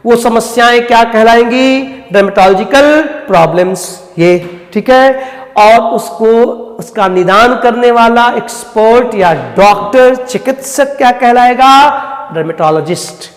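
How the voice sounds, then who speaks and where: A male teacher giving a vocabulary lesson. He asks questions and answers them himself, and he repeats key words slowly. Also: very high-pitched. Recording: echoey room with long reverb.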